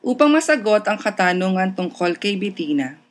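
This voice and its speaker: A woman hosting and narrating a horror radio drama in a hushed, ominous delivery. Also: mid-range voice, sing-song, moderate pace. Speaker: narrator and host.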